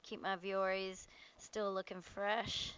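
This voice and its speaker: Female yoga instructor, casual and playful, cueing moves and breath in short phrases; crisp, bright voice, dry sound. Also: medium pitch, level tone, slow, no room sound, dull audio. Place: outdoors.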